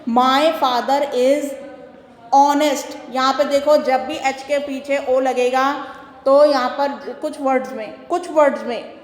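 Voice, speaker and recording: Woman teacher from Delhi, high pitch, patient and repetitive, roomy echo. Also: a little mellow. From Delhi, India. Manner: patient, repeats and checks understanding; reads example sentences slowly, word by word. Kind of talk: worksheet lesson explanation. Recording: roomy echo with long reverb.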